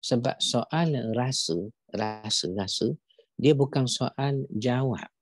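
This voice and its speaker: A middle-aged man with a Malaysian Malay accent, teaching an animated religious lecture and acting out scenes as he preaches. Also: mid-range voice, takes it slowly, no echo. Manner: animated preaching, acts out weeping recitation.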